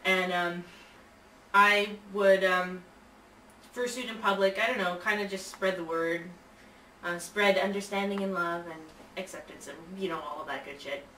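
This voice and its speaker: A woman's voice: lowish voice, steady tone, normal speed, sharp tone. A woman being interviewed, answering in a casual, chatty way. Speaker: interviewee, fan community member. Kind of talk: casual chat. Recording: distant, echoey room, faint noise.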